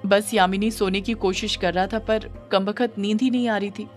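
A woman voicing a grieving, guilt-ridden young man, speaking in a quiet, sorrowful inner monologue for an audio horror story. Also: medium pitch, steady tone, moderate pace, soft background music, lightly acted. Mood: evasive.

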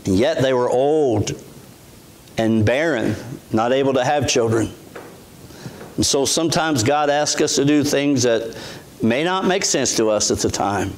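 A man's voice: mid-range voice, unhurried, slight background noise. A middle-aged man, a pastor giving a sermon in a church sanctuary on a lapel mic, speaking earnestly in a conversational way with frequent restarts.

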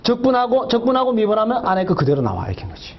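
A man's voice: high voice, wildly swooping pitch, rapid-fire, muffled recording. A middle-aged man teaching a math lecture, chatty and jokey, quizzing his students with rhetorical questions as he works through problems.

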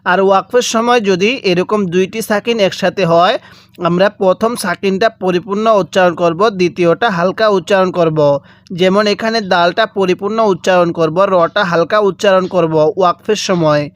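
A man teaching Quran reading, spelling out letters and vowel marks and drawing out syllables slowly for listeners to repeat after him. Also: sits high, no echo. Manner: draws out recited syllables very slowly. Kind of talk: step-by-step recitation lesson.

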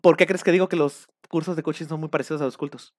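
A man with a Mexican accent talking casually on a live stream, rambling and animated. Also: on the high side, fast talker, no echo, clean studio sound. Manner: rambling, animated, acts out shouted quotes.

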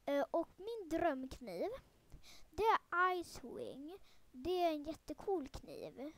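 A high, light female voice giving casual let's-play commentary over her own gameplay. She rambles with plenty of "eh" fillers and restarts. She turns excitable, almost panicky, when the game heats up. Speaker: gaming video creator.

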